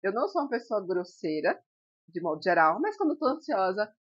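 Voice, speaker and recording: A woman in her thirties talks candidly in a relaxed podcast chat. She takes her time and reflects as she speaks, her voice in a middle range. The sound is dry and a little dull. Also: medium pitch, brisk, slightly rough, no room sound. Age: 30s. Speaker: podcast co-host. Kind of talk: casual chat.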